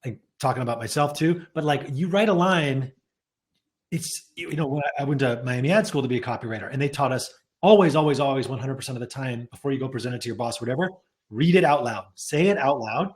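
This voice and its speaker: A man's voice: medium pitch, lively intonation, fast talker. A man hosting a casual webinar conversation over a video call, conversational and full of likes and uhs. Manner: conversational, with many "like" and "uh" fillers. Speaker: host, company CEO. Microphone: video call microphone.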